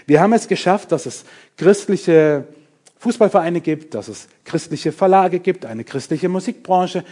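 A middle-aged man preaching a sermon, emphatic and lively, talking straight to his congregation with self-mocking asides. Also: high-pitched.

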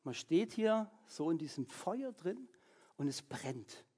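A preacher giving a lively, casual sermon, keeping the listeners engaged with frequent check-in questions. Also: mid-range voice, slow pace. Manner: animated, keeps checking in with "ja?".

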